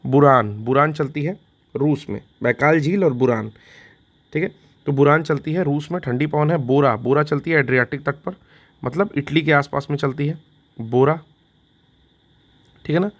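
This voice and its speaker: A man's voice: fairly high pitch, moderate pace, long pauses. A man teaching an exam revision lesson in Hindi, repeating each fact and quizzing himself with a question and its answer, with "theek hai" after each point.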